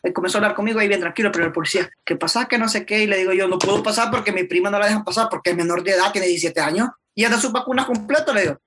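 A man's voice: high-pitched, rapid-fire, hardly any pauses, fairly bright tone, slight background noise. A young man with a Salvadoran accent telling a rambling story in slangy casual chat, dropping "maje" constantly.

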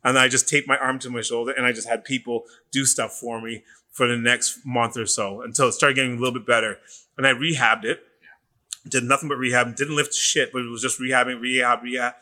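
A middle-aged man from Canada, a personal trainer telling stories in casual podcast talk, animated and profane. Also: medium pitch, fairly quick.

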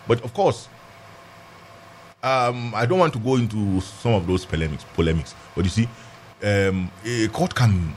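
A medium-pitched man with a Nigerian accent delivers emphatic, argumentative legal commentary in an animated political and legal discussion, repeating phrases for stress. Slight background noise can be heard.

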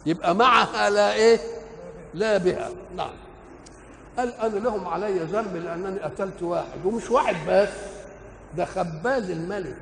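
An older Egyptian man preaching in a high, gravelly voice. He keeps posing questions to his audience and answering them himself. The old recording rings with long hall reverb over a faint hiss. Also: a little fast, fairly bright tone. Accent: Egyptian Arabic. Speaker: preacher explaining the Quran. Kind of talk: colloquial religious lecture.

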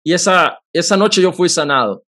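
An earnest man. He tells a personal faith story in conversation, and his voice sits a little high. He talks with feeling, in quick bursts. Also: animated, sharp tone. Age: 30s. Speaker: podcast host.

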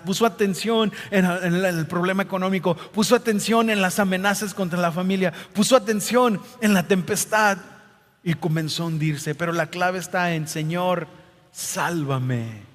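A man's voice: sits high, in a large hall. A male pastor delivering a sermon, dramatically acting out scripture quotes.

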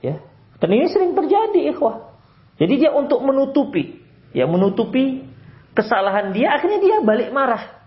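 A man preaching a sermon lecture, swinging from raised exclamations to quiet low advice. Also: big pitch swings, normal speed, pauses often, muffled recording. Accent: Indonesian. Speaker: Islamic preacher.

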